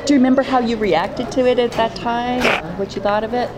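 A woman conducting an oral history interview, warmly affirming answers and asking questions. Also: fairly high pitch, steady tone, fast talker. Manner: encouraging, affirming. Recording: noisy background hiss.

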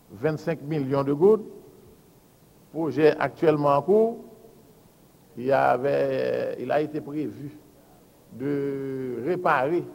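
A man, a public works official giving a formal budget presentation and reading out lists of figures in a measured, deliberate way. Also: on the high side, darkish tone. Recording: hall with long reverb.

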